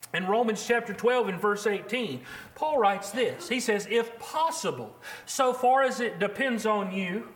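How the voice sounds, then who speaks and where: A man preaching a sermon, earnest and measured, slowing down to quote scripture. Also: high voice, a bit bright.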